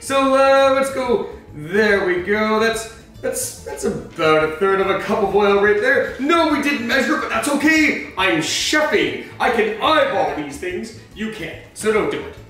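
A man with a high voice that swings up and down hosts a playful cooking demo, joking and explaining as he works. He sounds set back from the camera in a home kitchen with strong echo. Faint music plays under him. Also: animated, unhurried, fairly bright tone, far from the mic. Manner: chatty, joking, explains steps as he cooks. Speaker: cosplay cooking host. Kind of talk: comedic cooking demonstration in costume. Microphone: far camera.

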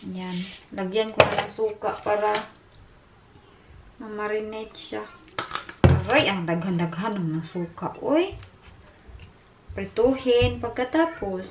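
A woman's voice: mid-range voice, slow, long pauses, heavy background noise. A woman, originally from the Philippines, chatting exasperated in a casual cooking vlog from her home kitchen. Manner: chatty, code-switching, exasperated. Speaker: mother and family vlogger. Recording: echoey kitchen.

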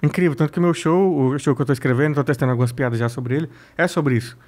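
Brazilian man, comedian guest, rapid-fire and foul-mouthed, lively storytelling. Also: a little high. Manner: blunt, profane, animated storytelling. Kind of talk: casual interview chat.

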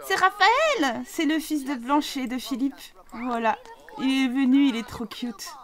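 High-pitched woman chatting through her sims let's play, gets loud and excited at the screen. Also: a little slow. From France. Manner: animated, chatty, exclaims at the screen. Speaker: gameplay commentator. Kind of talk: casual let's play commentary.

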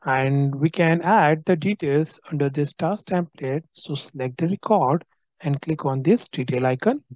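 Slow, dark-voiced male software trainer. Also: a little high, no room sound, dull audio. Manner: explanatory, frequent tag "right?". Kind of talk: screen-recorded software tutorial.

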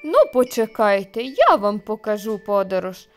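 A woman's voice: medium pitch, animated, normal speed, faint music behind, natural voice. A woman doing a grumbling scheming wolf. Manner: grumbling, loud. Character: grumpy scheming male wolf, secretly timid.

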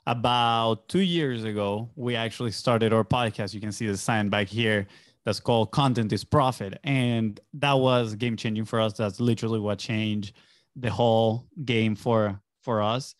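As a guest on a podcast, this agency entrepreneur, a young man from Venezuela whose first language is Spanish, recounts his story in a relaxed, conversational way. His voice is on the low side, steady and moderately paced, picked up by a close boom-arm mic with headphones in a small home studio. The recording is dry and clean.

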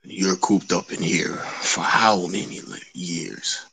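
Gravelly, husky deep-voiced man. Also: fairly even intonation, slow, sharp tone, no room sound, poor audio. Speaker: player. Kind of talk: casual game chat.

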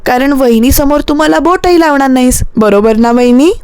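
Woman doing a teasing kid sister, high and bright. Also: no room sound, natural voice. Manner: playful, mocking, quick. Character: teasing mischievous young woman, younger sister.

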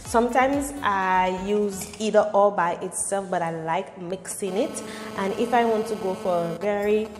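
A woman's voice: mid-range voice, measured pace. A woman in her thirties chatting casually through a makeup tutorial and personal story, conversational and repeating phrases for emphasis. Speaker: beauty vlogger. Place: small bare-walled room indoors. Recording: echoey, reverberant room with music behind.

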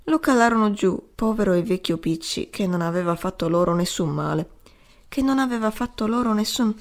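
A woman's voice: medium pitch, animated, fairly quick, natural voice. A woman voicing a broken, grieving old male adventurer who rambles and keeps pleading "sir" at his listener. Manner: pleading, repeating "signore".

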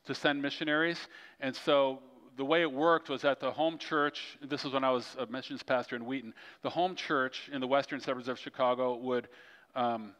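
A male pastor preaching a sermon with animated storytelling. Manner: storytelling, animated swings in pitch and loudness. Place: large church hall. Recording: long church hall reverb.

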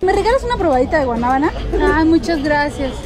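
A woman's voice: sits high, expressive, fast, a crowd in the background. A woman tagging along in a prank vlog, politely asking for samples in a playful, casual way. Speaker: vlog companion. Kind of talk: casual chat.

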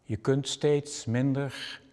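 A man giving a spoken meditation in a calm, reflective way. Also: mid-range voice, slow pace, big-room sound. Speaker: meditation speaker.

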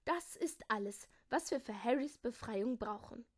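A cheerful old man with a plan, as a woman reading aloud gives him voice, speaking a touch higher and louder than the narration. He sounds pleased and emphatic. There is little disguise in the voice. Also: expressive, a little slow.

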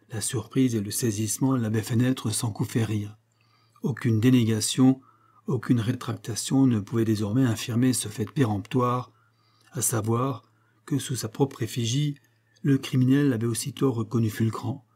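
A man narrating a detective story as an audiobook reader, measured and even. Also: mid-range voice, husky.

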